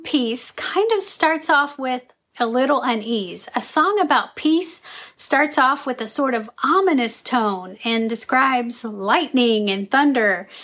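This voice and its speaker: A woman's voice: fairly high pitch, fairly bright tone. Earnest woman hosting a faith vlog. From Tennessee. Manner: earnest, lightly humorous teaching tone. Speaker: vlog host. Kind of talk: scripted vlog commentary.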